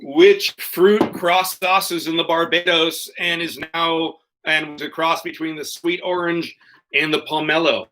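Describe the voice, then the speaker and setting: A man's voice: on the high side, level tone, measured pace, bright, forceful tone, low-quality recording. A man hosting an online quiz over a video call, reading questions and tossing in joking, profane asides. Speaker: quiz host.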